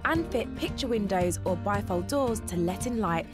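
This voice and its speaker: A British woman narrates home improvement tips in a clear, informative voice-over. Music runs clearly underneath. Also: medium pitch, lively intonation, moderate pace. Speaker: property show co-host.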